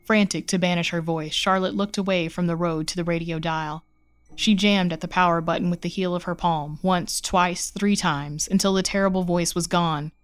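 A woman reading a horror short story aloud with measured, suspenseful narration. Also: on the low side, fairly even intonation, smooth, dry recording.

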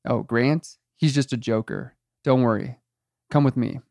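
Goofy eager teen guard, perpetually cheerful and chatty; man narrator voices him, mid-pitched. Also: a little slow, gravelly, darkish tone, dry recording, clean studio sound. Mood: friendly. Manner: cheerful, chatty, endlessly nice. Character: goofy, eager teenage male weed farm guard.

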